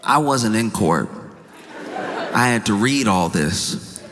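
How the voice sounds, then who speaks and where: Male comic, incredulous storyteller with jokey asides, bright voice in a reverberant hall. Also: on the low side, lively intonation, takes it slowly, some chatter behind, slight background noise. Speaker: comedian. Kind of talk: stand-up comedy monologue.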